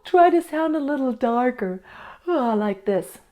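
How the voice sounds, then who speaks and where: A high-pitched, slightly mellow woman's voice, expressive and a little slow, delivers vocal coaching tips to camera. She explains technique with friendly patience, takes a viewer's question, and sings demonstrations.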